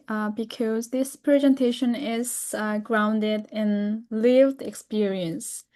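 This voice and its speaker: A young woman from North Korea, a native Korean speaker, gives a webinar talk in English, careful and halting with many fillers and self-corrections. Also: fairly high pitch, darkish tone. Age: young adult. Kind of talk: presentation over a video call.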